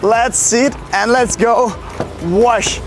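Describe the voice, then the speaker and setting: Young male vlog host, Slavic English accent, excitable, slow delivery, lapel mic, faint music underneath. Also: very high-pitched. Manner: excitable, enthusiastic. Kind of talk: casual chat. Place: outdoors and at a car wash.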